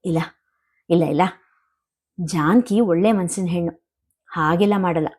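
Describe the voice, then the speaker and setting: A woman's voice: lowish voice, unhurried, a little mellow, slightly rough. A woman voicing a regretful, fretful elderly father talking to himself in a storybook reading. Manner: inner monologue, self-reproaching.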